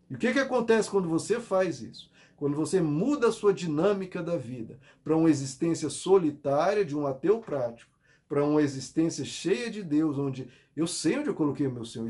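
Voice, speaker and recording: A pastor delivers an earnest sermon in a fairly high voice for a man. He leans into scripture, drawing quoted verses out slowly and with weight. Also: a little mellow. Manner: earnest preaching with slow emphatic scripture quotes.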